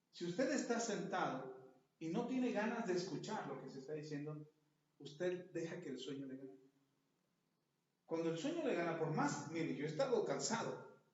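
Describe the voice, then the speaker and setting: Pastor preaching in an echoey hall. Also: male voice, high voice, darkish tone. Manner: storytelling, acting out little scenes. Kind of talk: sermon. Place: church hall. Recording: echoey church hall, far from mic, dull.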